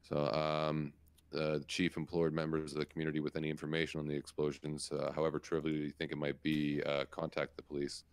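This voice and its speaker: Very deep-voiced casual male co-host. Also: monotone, brisk, clean tone, dry recording. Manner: casual, laughs, swears, reads news with stumbles. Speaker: podcast co-host. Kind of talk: casual chat, reading news aloud.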